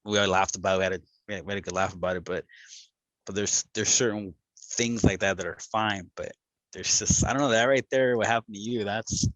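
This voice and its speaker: A man's voice: fairly low pitch, fairly even intonation, brisk, a bit bright, no echo, rough recording. A man from Los Angeles co-hosting a podcast, telling a story in a rambling way with many fillers. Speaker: podcast co-host. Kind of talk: casual podcast chat.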